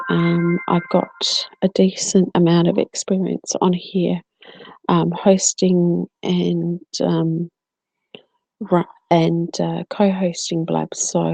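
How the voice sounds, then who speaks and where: Speaking slowly and flatly with vocal fry, this co-host has a low, warm voice and a South Australian accent. She chats through a relaxed live-stream Q&A, dropping lots of ums and addressing viewers by name. There's no echo, but the audio is poor.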